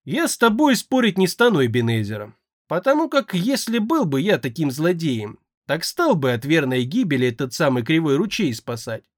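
A man's voice: a little high, sing-song, normal speed, no echo. Man voicing a sardonic necromancer. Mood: wry. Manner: dry, sardonic and reasoning. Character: wry, hardened male necromancer.

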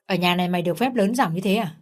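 A woman's voice: on the low side, racing, lightly acted. A woman voicing a harsh, accusing middle-aged mother-in-law. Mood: scolding.

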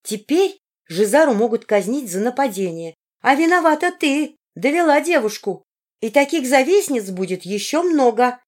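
A woman's voice: high-pitched, big pitch swings, moderate pace, darkish tone, pitched above the performer's own voice. A woman reading an audiobook, voicing a manipulative young princess who scolds and coaxes. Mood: reproachful. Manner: reproachful, coaxing. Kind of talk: audiobook character voice.

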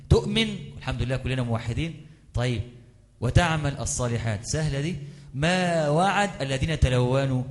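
A man's voice: mid-range voice, darkish tone. A man preaching a religious lecture in an Egyptian accent, mixing Quranic recitation with colloquial talk and asking his listeners rhetorical questions. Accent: Egyptian Arabic. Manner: asks the audience rhetorical questions.

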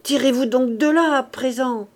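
A despairing old rustic man, voiced by a woman reader, his words coming loud and raised above her usual tone. He rambles to himself in old country speech, all agitation and grief. It is an audiobook storybook reading. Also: mid-range voice, a little slow, natural voice. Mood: frantic. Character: old male gardener, frantic and despairing.

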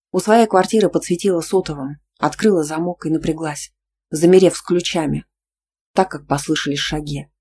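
A woman's voice: sits low, dark tone, slight background noise. Woman narrating a novel in first person. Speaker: audiobook narrator.

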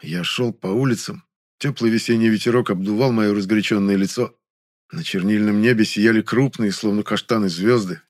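A man reading a first-person audiobook in a measured, even storytelling manner. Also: on the low side. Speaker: audiobook narrator.

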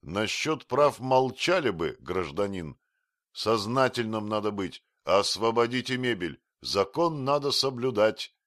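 A man's voice: low-pitched, expressive, a little slow, fairly bright tone, no echo. Curt commanding con man voiced by the male narrator, audiobook character, dry close sound. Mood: stern. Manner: curt, clipped official tone. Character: stern, confident swindler man, brusque and commanding.

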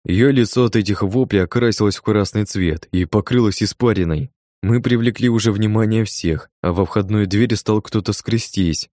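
A man narrating a first-person audiobook in a calm, even manner. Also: fairly low pitch, moderate pace, no echo, studio quality.

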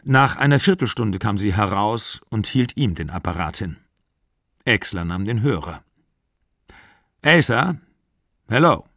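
Low-voiced man reading literary fiction. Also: moderate pace, a bit bright, no room sound, clean studio sound. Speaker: audiobook reader.

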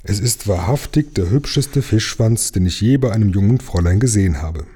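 A man voicing a calm, friendly, polite engine driver while reading a storybook aloud. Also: lowish voice, brisk, breathy edge. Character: calm, kindly adult engine driver, pipe-smoking.

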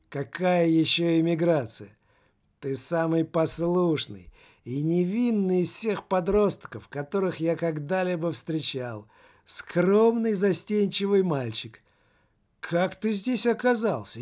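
Brief: male reader doing a frantic, shifty man, raised and slightly higher voice, pleading and warning. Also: darkish tone. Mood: scornful. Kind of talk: audiobook character reading.

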